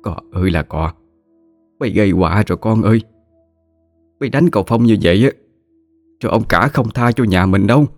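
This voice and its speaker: A man's voice: on the low side, animated, fairly quick, long pauses, no echo, faint music behind, lightly acted. A man doing a wailing, worried peasant mother. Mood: distraught. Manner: wailing, pleading. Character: poor, worried peasant mother in her fifties.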